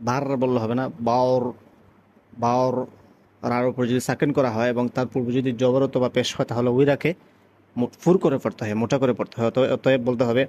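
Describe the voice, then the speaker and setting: A man from Bangladesh gives a call-to-prayer pronunciation lesson at a middle pitch. He explains step by step in a measured way, then slows into long, sung demonstrations of each phrase. His voice stays plain and even between explanations and chanting. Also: highs cut off. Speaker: azan teacher.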